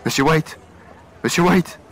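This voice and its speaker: A man's voice: fairly low pitch, steady tone, fast talker, fairly bright tone, a little hiss or hum, lightly acted. A man playing an urgent, desperate father. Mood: panicked, shouting. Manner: urgent, insistent, calling out. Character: desperate protective father warning of zombie attack. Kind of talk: audio horror drama acting.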